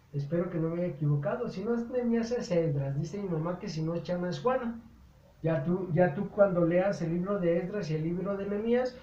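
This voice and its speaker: A man's voice: high voice, warm tone, slight background noise. A man with a Mexican Spanish accent giving an informal Bible lesson in a folksy, repetitive way, with many stammered restarts. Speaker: Bible teacher. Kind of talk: informal catechesis lecture. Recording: roomy dull lo-fi recording.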